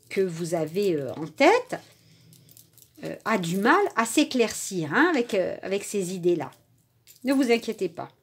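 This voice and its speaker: Woman, card reader, casual chatty reading, husky airy tone, sing-song pitch, many fillers, stumbles. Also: a little mellow. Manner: chatty, lots of "hein" and "euh", stumbles over words. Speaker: tarot and oracle card reader.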